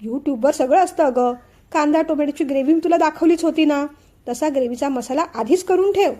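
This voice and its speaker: A woman voicing a calm young sister-in-law who talks a frightened girl through cooking in a teacherly, soothing way. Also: sits high, brisk, close to an everyday voice. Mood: reassuring.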